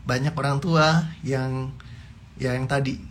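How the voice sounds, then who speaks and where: A man giving a motivational talk to parents in a chatty, animated way, laughing often and dropping in English words. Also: mid-range voice, takes it slowly, slight background noise. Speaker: parenting speaker.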